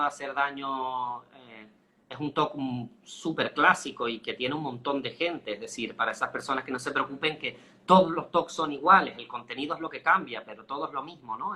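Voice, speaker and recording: A man's voice: mid-range voice, sharp tone. A man from the Canary Islands, a guest in a casual talk, reassuring and explaining with everyday images.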